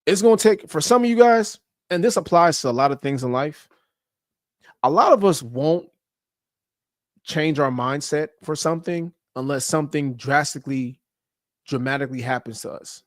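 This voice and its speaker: A man's voice: fairly high pitch, animated, moderate pace, no room sound, clean studio sound. A man hosting a podcast, giving a blunt motivational talk about fitness and habits, with casual profanity and slang. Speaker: podcast host. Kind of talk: motivational monologue.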